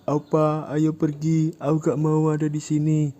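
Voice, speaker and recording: A man voicing a manipulative, cruel young woman from a comic recap, speaking in a mocking falsetto. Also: level tone, moderate pace, dark tone, lightly acted. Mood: whiny.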